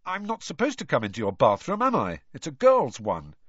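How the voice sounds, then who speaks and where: A man's voice: medium pitch, huge pitch swings, fairly quick, slightly rough, dry recording, voice pushed up. A man voicing an earnest, indignant teenage boy wizard in an audiobook. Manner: earnest, indignant, a bit awkward. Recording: dry, dull lo-fi recording.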